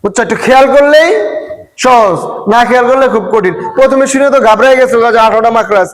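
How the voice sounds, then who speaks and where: A man's voice: extremely high pitch, fast. A man teaches a Quran recitation class in a madrasa. He drills his students with short, repeated questions and says the key terms over and over so the class can echo them back. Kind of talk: call-and-response Quran recitation lesson.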